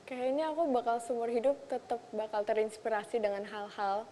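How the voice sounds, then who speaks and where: A woman's voice: on the high side, little pitch movement, brisk, dark tone, long reverb tail, slight background noise. A young Indonesian woman, a makeup artist, chatting casually in a talk show interview and mixing in English phrases. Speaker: makeup artist and content creator.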